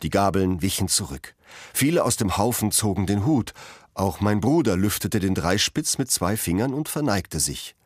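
A man reading a literary excerpt aloud in an expressive way. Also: fairly low pitch, normal speed, breathy edge, dry recording, studio quality. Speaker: narrator reading a novel excerpt.

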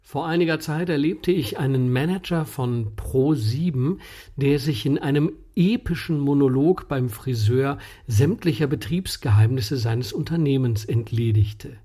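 Guy reading his column, wry tone, warm dark voice with a bit of rasp. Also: medium pitch, unhurried. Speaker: writer and columnist.

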